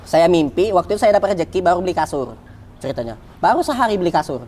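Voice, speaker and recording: A man telling his personal story as a guest in an interview, animated, repeating words for emphasis and acting out dialogue. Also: sits high, fast talker. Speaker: guest, founder of a free restaurant.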